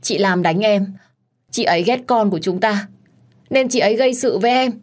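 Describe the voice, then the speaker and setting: A woman's voice: medium pitch, moderate pace, close to an everyday voice. A woman voicing a tearful, whining young mistress who pleads and plays the victim in a told story. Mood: whiny pleading. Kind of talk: dramatized storytelling.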